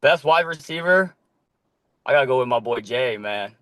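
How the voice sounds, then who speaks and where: A young man born in Korea, a podcast guest talking casually about playing flag football, with a relaxed manner and plenty of ums. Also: mid-range voice, normal speed, dry recording. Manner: relaxed, loose, with many ums and casual swearing. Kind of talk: casual chat.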